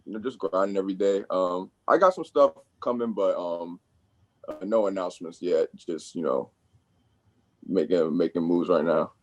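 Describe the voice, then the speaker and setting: Man, very low voice, hesitant, filler-heavy, podcast guest. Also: normal speed, highs cut off. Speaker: first-time podcast guest. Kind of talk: casual basketball chat.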